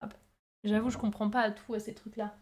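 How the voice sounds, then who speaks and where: A woman's voice: medium pitch, flat delivery, brisk, a little mellow. A woman streamer chatting casually with her viewers, hesitant and often restarting her sentences as she answers them. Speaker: live streamer making pottery.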